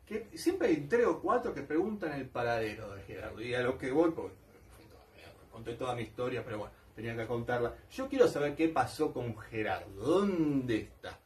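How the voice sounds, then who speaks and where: This Argentine-accented collector vlogger has a medium-pitched, sing-song voice and a moderate pace, caught from some distance. He rambles casually and wistfully, saying things more than once.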